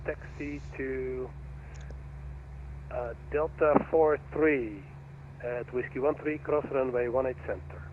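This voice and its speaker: A man's voice: medium pitch, steady tone, slow pace, pauses often. Male air traffic controller on tinny radio. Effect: radio transmission. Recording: narrow tinny radio, faint noise.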